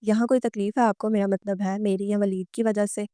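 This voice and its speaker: A woman's voice: mid-range voice, little pitch movement, fairly quick, warm tone, no echo, clean studio sound, close to an everyday voice. A woman voicing a reserved, earnest young bride who speaks politely in a recorded novel reading.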